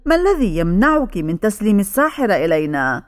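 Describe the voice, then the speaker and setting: A woman's voice: medium pitch, sing-song, fast, natural voice. A woman voicing a male police officer firmly demanding that an old woman hand over a girl.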